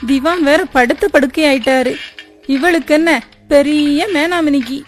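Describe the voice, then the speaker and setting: A woman's voice: sits high, measured pace, faint music behind. A woman playing a scheming, spiteful woman of the house who scolds and gossips sharply.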